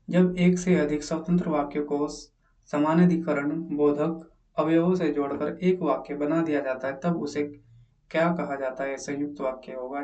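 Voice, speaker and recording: A man's voice: fairly high pitch, a little mellow, far from the mic. A man teaching as he solves an exam paper, reading each question aloud and then asking and answering it himself. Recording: echoey room, mic set back.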